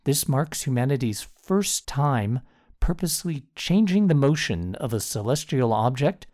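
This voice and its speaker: An American man narrates a scripted science report. His voice sits at a middling pitch and has a dark, mellow tone. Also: very animated, measured pace.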